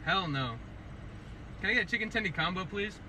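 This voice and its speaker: A man in a played clip ordering at a drive-through, blunt and hurried. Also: high-pitched, lively intonation, heavy background noise.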